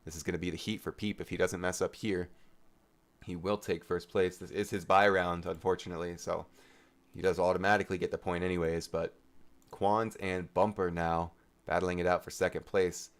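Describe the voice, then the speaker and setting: A man calls a drone race live in a low, deep voice. His tone is smooth and clear. He chats and jokes casually with the pilots between heats. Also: little pitch movement, moderate pace. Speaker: race commentator.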